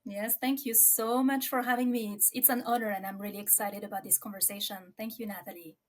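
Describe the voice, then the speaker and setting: A French woman in her forties, speaking with a French accent, talks reflectively about herself as an interview guest. Her mid-range voice is steady in tone and brisk in pace.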